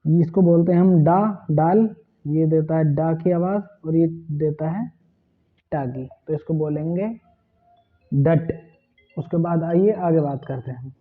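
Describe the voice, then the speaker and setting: A man's voice: on the high side, unhurried, soft background music. A man teaching an online language lesson, patiently spelling out letters and their sounds. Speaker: Urdu teacher. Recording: tinny phone-like sound.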